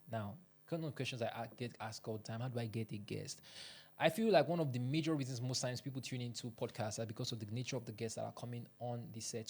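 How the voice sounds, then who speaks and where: A man giving earnest, instructive advice to camera from a podcast studio, speaking into a studio microphone, now and then pushing out an emphatic line. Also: mid-range voice. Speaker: podcast coach.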